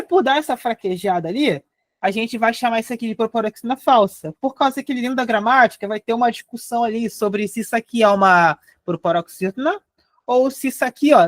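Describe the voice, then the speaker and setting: A young Brazilian woman teaching a live online grammar lesson, explaining step by step and spelling out syllables slowly. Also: a little high, no echo. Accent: Brazilian Portuguese.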